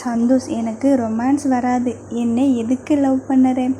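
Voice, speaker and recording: A woman's voice: high voice, level tone, moderate pace, dark tone, a little hiss or hum, lightly acted. A woman voicing a stern, protective young man, an older brother, with blunt, curt replies, in an audio novel reading.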